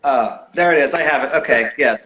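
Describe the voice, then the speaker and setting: A man's voice: medium pitch, a little fast, bright, forceful tone, a little hiss or hum. A man hosting a casual video-call interview, chatty and playful with many fillers. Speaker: podcast host.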